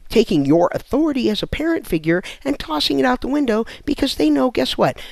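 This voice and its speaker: A man's voice: sits high, creaky, no echo. A man delivering a blunt, sarcastic comic rant as a lecturing host. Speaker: host ranting to camera.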